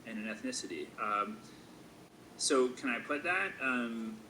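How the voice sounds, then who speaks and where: A forty-year-old man with a bright, forward voice thinks out loud, pausing often on fillers and restarting his sentences. A faint hiss of noise sits behind him. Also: mid-range voice, expressive, poor audio. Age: 40s. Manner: thoughtful, hesitant, many fillers. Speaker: school staff member. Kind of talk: casual reflective conversation.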